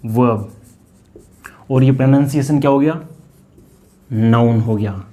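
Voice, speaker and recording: A man's voice: medium pitch, unhurried, warm tone. A man with an Indian accent teaching English grammar in a lesson, asking questions and answering them himself and repeating key words. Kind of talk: classroom-style grammar lesson.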